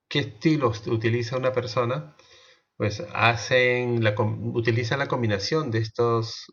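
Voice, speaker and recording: A man teaching a class, explaining slowly, asking the students questions and restarting his sentences often. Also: mid-range voice, lo-fi sound. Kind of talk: online class lecture.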